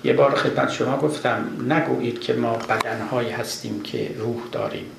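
A man's voice: medium pitch, steady tone, gravelly. A man giving a live lecture on classical poetry to an audience, explaining carefully and reciting verses. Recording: echoey room with background noise.

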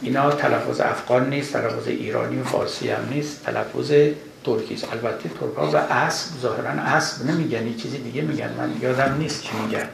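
Gravelly-voiced man lecturing in an echoey room. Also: mid-range voice, fairly even intonation. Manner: measured, explanatory, recites verses. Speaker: lecturer on classical Persian poetry. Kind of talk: live lecture to an audience. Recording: echoey room with background noise.

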